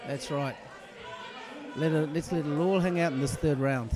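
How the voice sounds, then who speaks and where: A man co-commentating a boxing bout, measured and careful in his calls. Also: a little high, a crowd in the background. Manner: measured, hedging analysis. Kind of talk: live fight commentary.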